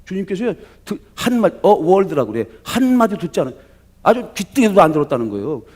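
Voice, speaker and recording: A male pastor giving a lively sermon, asking the congregation rhetorical questions and acting out voices from the story. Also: high-pitched, fast.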